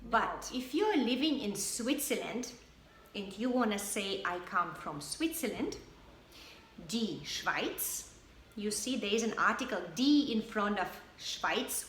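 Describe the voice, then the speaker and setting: A woman from Germany with a German accent, teaching basic German phrases in English and repeating each word slowly for learners. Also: mid-range voice, fairly bright tone. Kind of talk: slow, clearly spoken language lesson. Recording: echoey room with faint background noise.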